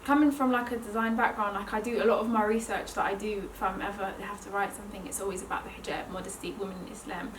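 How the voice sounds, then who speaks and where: A woman's voice: mid-range voice, fairly even intonation, quick pace, few pauses, slight background noise. A student woman speaking reflectively in an interview, with many casual fillers. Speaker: fashion design student. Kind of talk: documentary interview. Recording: roomy, mic set far off.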